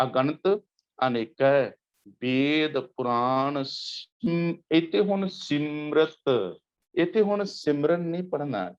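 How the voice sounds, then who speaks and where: Punjabi man explaining patiently, lo-fi. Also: on the high side. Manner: explains patiently, repeats words, chants verses slowly. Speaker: teacher. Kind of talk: lecture on Gurbani grammar with slides.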